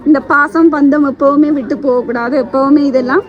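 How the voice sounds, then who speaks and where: A woman's voice: high-pitched, steady tone, a little fast, dull audio. A woman with a Sri Lankan Tamil accent, presenting a surprise delivery and teasing a family with coaxing questions. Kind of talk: lively on-the-spot chat with a family.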